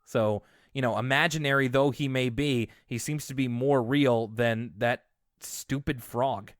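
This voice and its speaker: A man's voice: mid-range voice, fairly even intonation, unhurried, dry recording. Dry-voiced wry male podcast co-host. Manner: chatty, wry, with many fillers. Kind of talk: casual chat.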